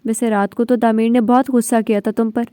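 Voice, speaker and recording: Woman doing a brisk, fussy aunt. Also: fairly high pitch, little pitch movement, warm tone, clear, resonant tone, no echo, clean studio sound, close to an everyday voice. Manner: brisk, slightly plaintive.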